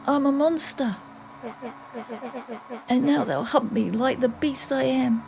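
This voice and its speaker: A woman's voice: high voice, slow pace, creaky, a little hiss or hum, full character voice. Figure: a bitter boy turned monster, voiced by an older woman. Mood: bitter hushed. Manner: resentful, mocking, hushed.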